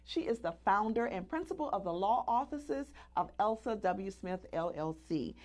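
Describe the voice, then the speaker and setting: A woman's voice: mid-range voice, lively intonation, moderate pace, darkish tone. A woman hosting a talk show, introducing guests and thanking them.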